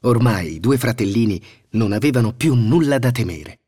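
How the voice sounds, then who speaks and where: A man narrating a fairy tale in a scripted, expressive storytelling manner. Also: mid-range voice, normal speed, husky.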